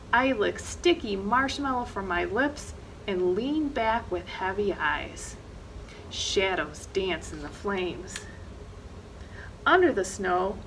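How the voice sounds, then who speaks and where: At storytime, a middle-aged librarian sitting in an indoor library reading corner reads a children's picture book expressively, giving dramatic emphasis to action words. Her voice is medium in pitch and a bit bright. The recording is low-quality, with slight background noise.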